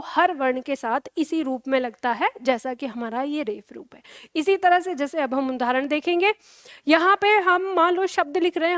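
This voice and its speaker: High-voiced woman teaching grammar. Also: no echo, studio quality. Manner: patient, slow and deliberate, often checking in with "ठीक है". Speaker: Hindi teacher. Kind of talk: classroom grammar explanation.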